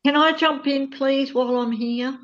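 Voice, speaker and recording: A woman's voice: high-pitched, steady tone, moderate pace, a bit bright. A woman chatting casually on a live stream, recorded in dull lo-fi call audio.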